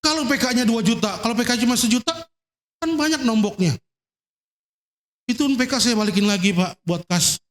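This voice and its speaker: A male pastor preaching a sermon in a church, emotional and swinging between loud exclamations and quiet asides. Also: very high-pitched, moderate pace, pauses often. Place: church hall. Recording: reverberant church hall.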